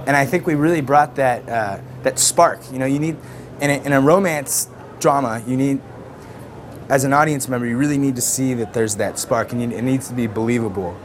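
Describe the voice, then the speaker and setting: A man talking as a lead actor in a behind-the-scenes interview, relaxed and halting with many fillers. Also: medium pitch, noisy background.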